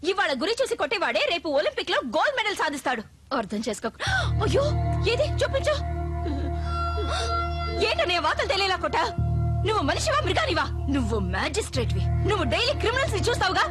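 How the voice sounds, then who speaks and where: A doting, sharp-tongued old grandmother, high and lively, quick, film score under her. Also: heavily acted. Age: older. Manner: scolding, lively, emphatic. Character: doting outspoken old grandmother, scolds her judge son. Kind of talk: dubbed film acting. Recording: film dialogue over music score.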